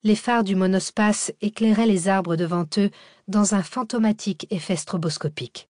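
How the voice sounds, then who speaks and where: A woman narrating a thriller audiobook in a steady, measured reading. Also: medium pitch, no echo, studio quality. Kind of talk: scripted narration.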